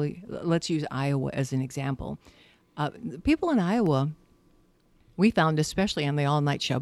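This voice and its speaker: A woman's voice: low-pitched, dark tone, dry recording. An older woman, a veteran broadcaster, chatting and telling stories as an interview guest in a jokey, self-deprecating way.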